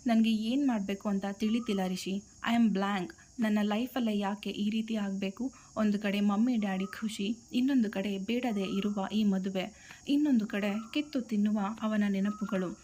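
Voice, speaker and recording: A woman's voice: medium pitch, fairly even intonation, unhurried, mellow, slight background noise, natural voice. Woman voicing a heartbroken young bride. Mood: tearful. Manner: pleading, mixes English phrases.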